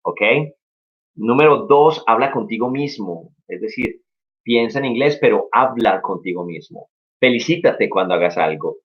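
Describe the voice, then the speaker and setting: A man's voice: lowish voice, lively intonation, normal speed, husky. Encouraging young male teacher, lo-fi stream. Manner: upbeat, encouraging, explains step by step. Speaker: English teacher. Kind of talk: casual live-stream lesson. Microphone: live-stream mic. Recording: dull lo-fi stream audio.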